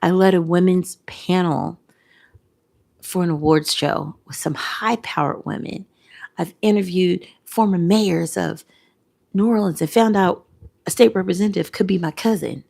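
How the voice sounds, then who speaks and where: A woman's voice: lowish voice, unhurried, creaky, a little mellow. A tearful woman, talking in a heartfelt vlog, repeating phrases and sometimes dropping to a whisper. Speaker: content creator. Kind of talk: emotional reflective vlog.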